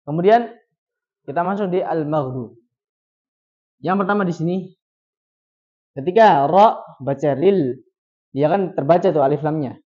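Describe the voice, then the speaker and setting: A man teaching Quran recitation. He poses questions and answers them himself, and he repeats syllables slowly to demonstrate each sound. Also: fairly high pitch. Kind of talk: recitation lesson. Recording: dull lo-fi recording.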